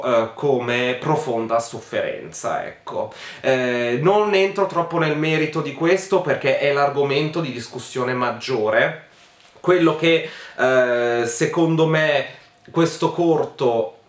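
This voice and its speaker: A man giving casual spoken commentary as a video essayist, hesitant and filling pauses with many ums, in a critical tone. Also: mid-range voice, fairly bright tone, echoey room.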